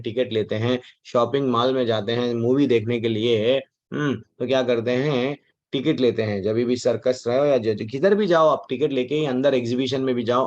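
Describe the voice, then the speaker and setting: A man teaching a devotional class on the Gita in a chatty way, mixing in English words and acting out the voices he quotes. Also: medium pitch. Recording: dull lo-fi recording.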